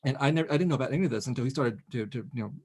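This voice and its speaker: A middle-aged man talking with animated restarts, as an author in a casual conversation over a video call. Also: medium pitch, husky. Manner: animated, quick, with many restarts. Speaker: author guest.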